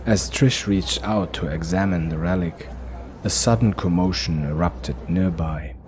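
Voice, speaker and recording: In a dark fantasy audio drama, a man narrates in a very low voice, taking his time with a measured delivery. A constant hiss runs beneath the recording.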